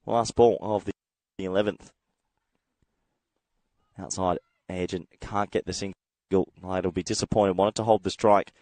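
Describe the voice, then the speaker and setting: A man from Australia doing solo live cricket commentary with a slightly croaky voice from a head cold, chatty and reading viewer comments as he goes. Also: sits low, steady tone, moderate pace, pauses often, darkish tone, dry recording.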